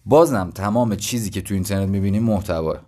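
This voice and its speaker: Low-voiced young man explaining casually. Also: warm tone. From Iran. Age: 20s. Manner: conversational and explanatory, thinking aloud with self-deprecating asides. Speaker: podcast host. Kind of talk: casual solo podcast talk.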